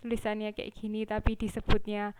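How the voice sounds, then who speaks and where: A woman teaching English phrases. She reads each example slowly and a little higher, then explains it in a relaxed, chatty way. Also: noisy background. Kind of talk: explaining English expressions in Indonesian.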